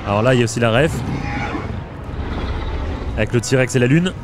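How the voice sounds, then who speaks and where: A man's voice: mid-range voice, moderate pace, noisy background. A man giving casual, hesitant gameplay commentary with many filler sounds. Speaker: let's play gamer. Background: game music.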